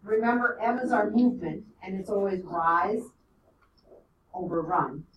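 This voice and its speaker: A woman's voice: mid-range voice, unhurried, recorded from a distance, a little hiss or hum. Woman teaching math in an echoey classroom. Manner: explains step by step with frequent "okay?" and "right?" checks. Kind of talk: classroom lecture.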